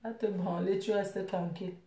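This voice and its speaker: A woman's voice: medium pitch, steady tone, normal speed, warm tone, echoey room. A woman live streaming, reading out viewer comments and scolding her viewers in a rambling, teasing way. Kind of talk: casual live stream chat.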